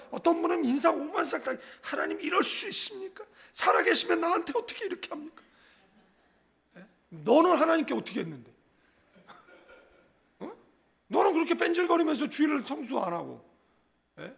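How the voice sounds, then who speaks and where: A middle-aged male pastor giving a humorous, conversational sermon, often asking the congregation "예?" and acting out other people's words in a lower voice. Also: gravelly. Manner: humorous, conversational preaching with frequent call-and-response "예?"; acts out quoted people in a lower, softer voice. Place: church sanctuary.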